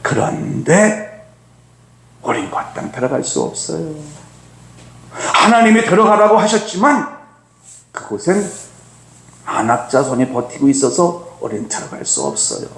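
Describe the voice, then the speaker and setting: Male pastor, sermon, emphatic, swooping pitch, roomy church echo. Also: wildly swooping pitch, unhurried, creaky, pauses often. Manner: emphatic, with big swings up and down in pitch. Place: church sanctuary. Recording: echoey church sanctuary.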